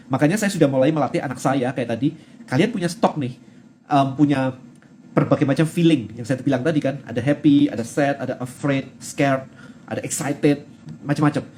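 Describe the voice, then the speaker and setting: A man in his thirties hosting a casual live talk, a lively storyteller who mixes English words into his speech. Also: on the high side, a little hiss or hum. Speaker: host. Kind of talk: live-stream talk on mindset.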